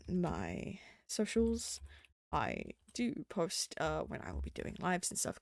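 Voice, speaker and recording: A woman's voice: lowish voice, gravelly, a little mellow, no echo, studio quality. A young adult woman streaming, chatting casually in a rambling, profane way, full of fillers. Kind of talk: casual livestream chat.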